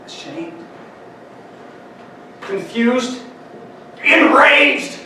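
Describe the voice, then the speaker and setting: A poet and conference speaker from Denver, Colorado, performs spoken word and addresses the audience in a large conference hall, his extremely high-pitched voice animated, dramatic, and slow. He swings between loud and soft and sometimes breaks into song. The recording is noisy, captured from far off in a very echoey hall.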